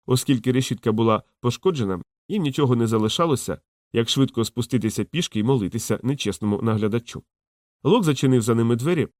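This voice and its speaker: A man narrating a fantasy audiobook in a steady, measured storytelling voice. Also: mid-range voice, no echo, studio quality. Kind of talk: scripted narration.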